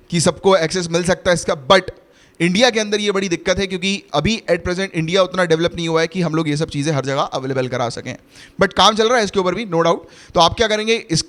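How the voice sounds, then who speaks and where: A man's voice: a little high, a bit bright. A young man teaching an online exam-prep lecture in a chatty way, with fillers and frequent check-ins with his students. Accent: Hindi.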